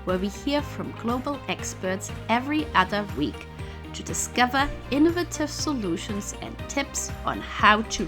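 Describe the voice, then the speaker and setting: Podcast host, female, high voice, polite and formal interviewer, faint music behind. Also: a bit bright. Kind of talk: scripted podcast introduction and interview.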